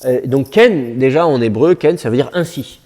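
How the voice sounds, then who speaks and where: A man's voice: medium pitch, moderate pace, mellow. A man teaching biblical Hebrew to a class, with a conversational, digressive manner and joking asides. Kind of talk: classroom lecture.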